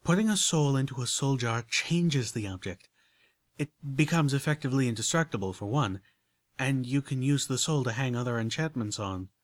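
A man's voice: mid-range voice, lively intonation, moderate pace, dry recording, clean studio sound, natural voice. A man voicing an elegant, prim unicorn mare who talks with genteel enthusiasm. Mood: confiding.

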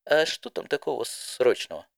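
A man's voice: medium pitch, very animated, moderate pace, gravelly, no room sound, clean studio sound. A man voicing a brash, impatient young pegasus mare who talks bluntly and with exasperation. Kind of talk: fan audiobook voice acting.

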